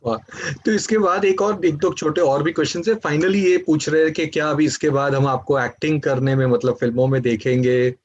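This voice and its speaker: A man's voice: a little high, fairly even intonation, fairly quick, no room sound, lo-fi sound. A man interviewing a guest, agreeing readily and reading out fans' questions. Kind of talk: casual interview.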